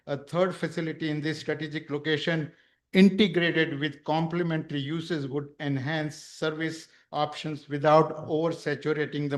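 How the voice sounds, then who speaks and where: A man reads a prepared statement to a township council in a formal tone, his voice pitched slightly high. He trips on a word now and then and corrects himself. He speaks into a podium microphone. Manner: formal, with occasional stumbles. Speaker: public speaker at a council meeting. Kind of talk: reading prepared remarks. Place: township council meeting room.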